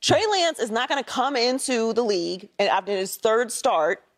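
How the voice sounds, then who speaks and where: A woman's voice: on the high side, animated, normal speed. Assured woman arguing sports with stats. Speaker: sports show panelist. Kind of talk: sports debate.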